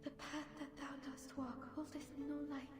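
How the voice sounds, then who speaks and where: An actress playing a tender, anxious, devout woman of olden times in a video game, speaking solemn archaic English with a soft voice. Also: high-pitched, level tone. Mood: worried, pleading. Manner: solemn, slow archaic phrasing. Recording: long echoing reverb under music.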